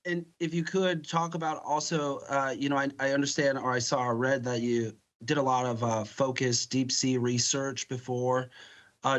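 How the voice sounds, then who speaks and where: A man's voice: mid-range voice, fairly bright tone. An American man, a local television reporter, putting questions in a broadcast interview.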